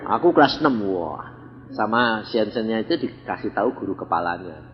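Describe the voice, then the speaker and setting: With a voice on the low side and lively intonation at normal speed, an older Javanese-accented man from Central Java preaches. He shares a testimony bluntly, performing the characters' voices, in an echoey hall captured in dull lo-fi audio.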